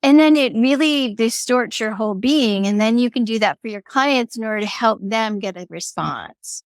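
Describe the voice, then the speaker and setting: A woman speaks as an interview guest, lively and playful in her delivery. Her voice sits fairly high. The sound is dry and close, with no room echo. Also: normal speed. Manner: animated, playful, acts out quoted voices. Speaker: guest, energy healer. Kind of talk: conversational interview.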